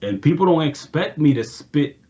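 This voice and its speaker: Man, podcast guest, music producer, earnest, relaxed, casual chat, muffled lo-fi audio. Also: a little high, normal speed.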